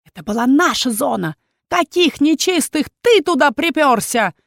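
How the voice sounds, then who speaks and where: A woman's voice: mid-range voice, very animated, measured pace, no echo, clean studio sound. A woman voicing an angry, hot-tempered young male captain who snaps at others. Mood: furious. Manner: snapping, fierce.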